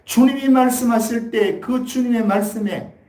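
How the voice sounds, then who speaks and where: A very high-pitched, warm male voice carries a Sunday sermon at normal speed through an echoey church hall. The pastor first tells a story in a folksy manner, then presses the point with emphatic exhortation.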